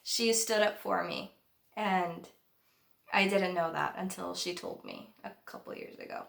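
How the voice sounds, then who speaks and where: A woman's voice: on the low side, unhurried, vocal fry, a bit bright, reverberant. A young woman vlogger telling a personal story in a casual, chatty way, laughing often.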